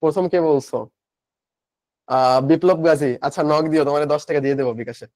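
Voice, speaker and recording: High-voiced Bangladeshi man teaching live. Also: steady tone, fairly quick, darkish tone, dry recording. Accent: Bangladeshi Bengali. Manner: chatty, asks and answers his own questions, reads out student comments. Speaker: online admission-coaching teacher. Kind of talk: live online class lecture.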